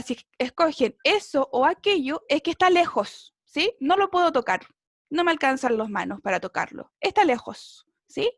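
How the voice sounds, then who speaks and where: Woman, English teacher, patient, high voice, dry close sound. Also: no room sound. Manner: patient, checks in with "¿cierto?". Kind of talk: online class explanation.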